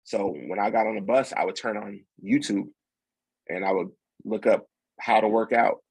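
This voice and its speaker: Young guy, gravelly husky voice, rambling casual storytelling, lots of restarts. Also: lowish voice, moderate pace, dry recording, low-quality recording. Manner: relaxed, rambling with many fillers and restarts. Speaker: podcast guest.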